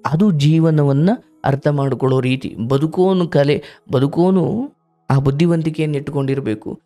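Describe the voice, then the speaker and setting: A man's voice: a little high, normal speed, faint music behind. A man hosting a live call-in counseling show, giving fatherly spiritual advice to a caller and sometimes acting out what people say. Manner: warm, fatherly, preaching advice with acted quotes.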